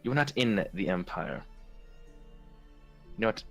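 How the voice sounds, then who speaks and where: A man's voice: lowish voice, animated, measured pace, vocal fry, fairly bright tone, faint music behind, full character voice. A man voicing a haughty, cold noble official in a tabletop game who talks down to others with contempt. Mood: scornful. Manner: contemptuous, insulting tirade.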